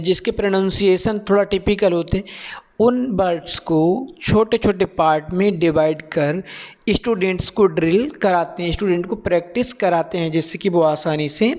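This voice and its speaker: A man's voice: sits high, darkish tone. A man from India, a teacher educator, explaining a lesson plan methodically, step by step, often checking in with his listeners.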